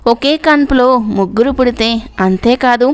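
A woman's voice: on the high side, moderate pace, clean tone, natural voice. A woman voicing a playful, teasing old grandmother in a serialized story reading. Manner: mischievous, giggly teasing.

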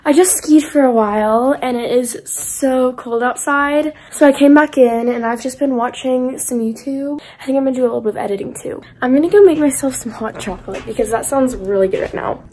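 A woman's voice: sits high, brisk, hardly any pauses, darkish tone, slight background noise. A teenage girl narrating a casual travel vlog, upbeat as she talks through her day's plans into a phone held at arm's length. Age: teens. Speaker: vlogger. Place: indoor rooms of a condo and a car.

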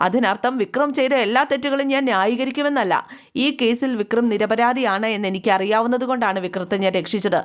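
A woman's voice: a little high, fast, natural voice. A woman voicing a resolute young wife. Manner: firm, resolute. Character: determined young wife defending her husband.

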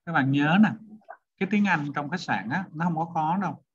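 A man's voice: fairly high pitch, a little fast, breathy edge. A male teacher, lecturing a class and questioning students one by one. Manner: questioning students, repeats points. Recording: dull lo-fi sound.

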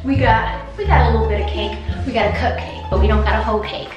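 A woman's voice: on the high side, fairly even intonation, fast, highs cut off. A young woman hosting a casual prank vlog, playful and teasing, with a slangy way of talking. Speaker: vlog host. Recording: echoey room, off-mic, light music.

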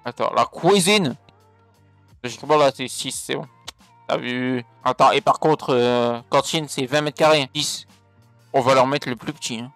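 A man's voice: mid-range voice, steady tone, normal speed, gravelly, fairly bright tone, no room sound. A man talks through his video game in casual, crude commentary, swearing freely and cracking jokes. His voice sits close and dry on the mic, with faint music playing underneath. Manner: crude, swears a lot, jokey. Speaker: gaming video creator. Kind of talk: casual let's play commentary.

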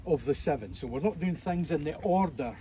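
With a brisk, lively and rather high yet dark-toned voice, this Scottish evangelist addresses a tour group at old ruins. He keeps it casual, cracking jokes and using fillers, while a far-off microphone catches faint noise around him.

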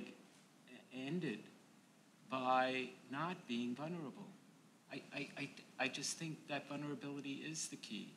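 Older male panelist with a gravelly edge; searching, repetitive phrasing, faint noise behind him. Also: mid-range voice, sharp tone. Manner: halting, repeating words as he thinks aloud. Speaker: panel speaker, academic. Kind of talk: reflective panel discussion. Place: large event room, indoors. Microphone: microphone on a table stand.

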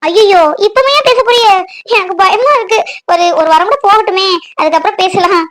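Woman doing a high-voiced tender young village woman, orphaned, emotional, soft-spoken, cartoon. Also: quick pace. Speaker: bride-to-be on the phone.

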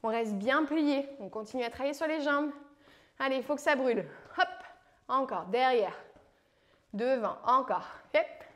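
A woman's voice: high voice, normal speed, a bit bright. A woman from France coaching a home leg workout, calling out moves and counting reps with playful encouragement. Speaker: fitness coach. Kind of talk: guided home workout instruction.

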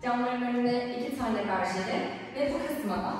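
A woman's voice: a little high, normal speed. Young woman vlogging in a very echoey room. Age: 20s. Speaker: vlogger giving an empty home tour. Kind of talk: casual vlog chat to viewers. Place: empty apartment rooms, indoors. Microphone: camera or phone a few steps away. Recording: very echoey empty rooms, far from mic.

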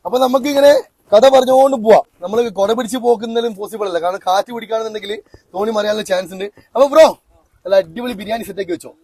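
A male vlogger with a north Kerala Malayalam accent talks in a high register at a rapid clip. His delivery is colloquial and chatty, sprinkled with English slang, as he addresses viewers and puts questions to locals. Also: dark tone, husky. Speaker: vlogger, host. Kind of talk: casual excited vlog chat with questions to locals. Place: outdoors by a river and in a boat.

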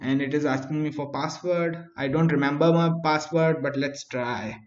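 Speaking at a moderate pace in a slightly high voice, this man walks viewers through a screen-based coding tutorial. He restarts often, uses fillers while thinking aloud and keeps checking with "right?" Everything is captured in a dull, echoey home setting.

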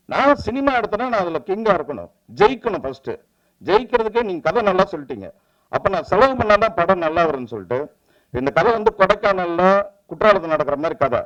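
A man, a film director giving an animated press meet speech and acting out the lines he quotes. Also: high voice, fairly quick, muffled recording. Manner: animated storytelling, acts out quoted dialogue.

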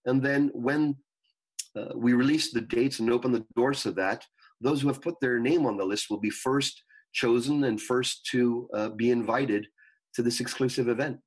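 A man speaking as a spiritual guru and coach in an interview, teaching earnestly in measured phrases. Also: mid-range voice, breathy edge, low-quality recording. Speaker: spiritual coach and retreat leader, guest. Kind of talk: interview talk, explaining teachings.

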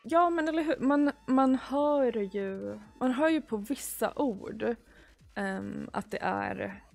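On a live stream from a small room, a thirtysomething woman from Sweden reads out viewer messages, giggling and chatting casually in her Swedish accent. Her voice is expressive and gravelly, captured by a boom-arm desk mic. She comes across as giggly and talkative, pausing at length.

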